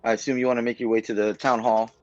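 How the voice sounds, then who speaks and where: A man's voice: mid-range voice, flat delivery, fast talker, dull audio. A man running a tabletop game as game master, narrating in a laid-back way with swearing and slang. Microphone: streaming mic.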